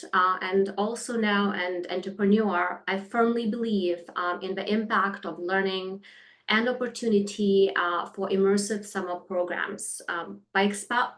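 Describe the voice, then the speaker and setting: A woman's voice: mid-range voice, a bit bright. Woman from Lithuania, company founder, webinar presentation, video call, earnest, frequent fillers. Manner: earnest, many fillers, slightly non-native phrasing.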